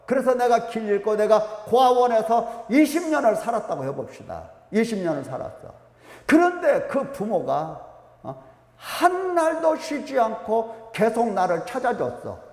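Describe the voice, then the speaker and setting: A man preaching a sermon as pastor, animated, rising to emphatic peaks and dropping to quiet asides. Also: sits high, vocal fry, roomy sound, long reverb tail. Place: church sanctuary.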